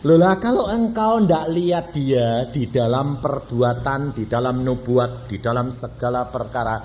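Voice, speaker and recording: A man's voice: mid-range voice, measured pace, darkish tone, a little hiss or hum, rough recording. A male evangelist preaching to a congregation, bluntly firing rhetorical questions at the listeners. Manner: blunt, peppers talk with rhetorical questions to the audience. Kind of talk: sermon to a congregation.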